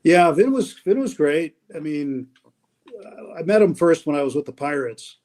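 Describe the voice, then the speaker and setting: His voice leans high and expressive, moving at a moderate pace. The guest, a radio play-by-play man on a video call, reminisces fondly about colleagues in casual anecdotes, with restarts along the way.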